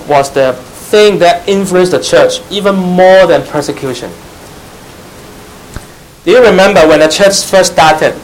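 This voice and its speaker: A man's voice: a little high, slight background noise, low-quality recording. A man teaching church history, spelling out terms letter by letter, glossing them in Chinese and quizzing his listeners. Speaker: Bible teacher.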